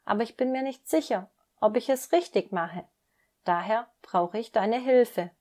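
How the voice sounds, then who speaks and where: A woman's voice: on the high side, unhurried, lightly acted. Woman voicing an eager little boy duckling. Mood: pleading. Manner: earnest and excited.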